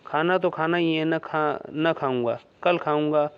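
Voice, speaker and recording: Give me a man reading a terse, hurt young villager, clear tone, muffled recording. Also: on the high side, a little slow. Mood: curt. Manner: terse, irritable. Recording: dull lo-fi recording.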